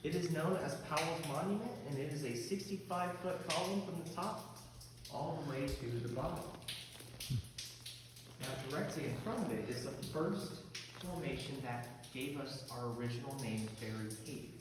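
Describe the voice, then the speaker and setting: A man's voice: a little high, moderate pace. A man working as an echoing cave guide, explaining formations step by step to visitors in an informal, accommodating way. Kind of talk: guided tour commentary with informal asides. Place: inside a cave. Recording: very echoey cave, long reverb, clear background noise.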